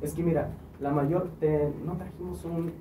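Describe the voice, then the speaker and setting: A Mexican man hosting a casual chat, joking and steering the talk. His voice is slightly high and sits far from the mic. The room around him is echoey, with clear noise behind. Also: steady tone, unhurried. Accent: Mexican Spanish. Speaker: podcast host.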